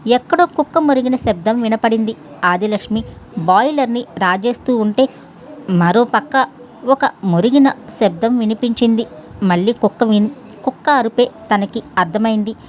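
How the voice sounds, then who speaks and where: A woman narrating a scripted domestic story in an even storytelling manner. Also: fairly high pitch, normal speed.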